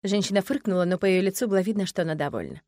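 A woman reads a first-person novel aloud in a measured, expressive storytelling manner. Her voice sits in a middle register, recorded dry and close with no room sound. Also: medium pitch, no room sound. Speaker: audiobook narrator. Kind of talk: first-person audiobook narration.

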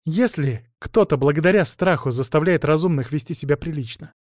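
A proud, blunt young girl dragon speaks up high and bold, as a male reader puts her on. Her voice is mellow and close in a dry, dead room. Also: a little fast, dry recording, close to an everyday voice. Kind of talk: audiobook character voicing.

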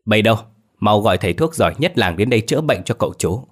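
A man voicing a stern, short-tempered wealthy father who snaps at his wife and shouts orders to servants. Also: on the low side, expressive, quick pace. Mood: stern, commanding. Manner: barking orders, gruff.

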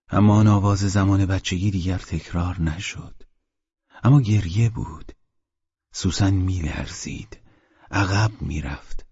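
Low raspy guy reading a story slow and dramatic, dry close mic, kinda dull sound. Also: darkish tone, no room sound. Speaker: audiobook narrator. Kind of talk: scripted literary narration.

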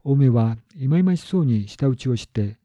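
A man calmly reading a literary story aloud as narrator, in measured, even sentences. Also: medium pitch, no echo. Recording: dull lo-fi recording.

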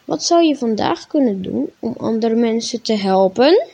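A woman reading a children's story aloud in a clear, measured way, then talking to young listeners about faith. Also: a little high, lively intonation, warm tone.

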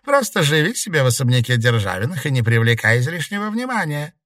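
A man's voice: medium pitch, sing-song, fast talker, a bit bright, no room sound, studio quality, recorded from a distance, voice pushed up. A man voicing a sly, scheming female witch with a cool, knowing manner. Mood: persuasive. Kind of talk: audiobook character voice.

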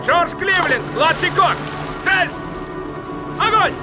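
Dutiful sailor, very high strained pitch, clipped military shouts, war film with blaring music. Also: male voice, expressive, slow, heavily acted. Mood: formal, barking. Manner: clipped, loud military calls. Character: dutiful young sailor barking naval commands. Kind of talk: dubbed war film acting. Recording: loud war film soundtrack.

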